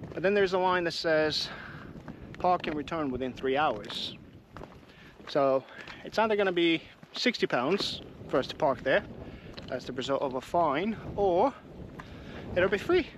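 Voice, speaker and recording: Recorded on a camera mic as he walks, this hiking vlogger with an English accent keeps up a friendly, chatty stream of talk to camera while climbing hilly trails outdoors. His pitch is fairly high, and the background is noisy.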